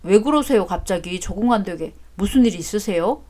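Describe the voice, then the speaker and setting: A woman's voice: medium pitch, lively intonation, brisk, dark tone, natural voice. A woman voicing a blunt adult son who talks back cheekily to his father in a storybook drama. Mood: cheeky.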